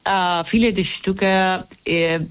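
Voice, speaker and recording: A woman's voice: on the low side, fairly even intonation, slow pace, clean tone. Woman, musician guest, hesitant, searching for words, muffled lo-fi sound. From Puerto Rico. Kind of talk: radio interview.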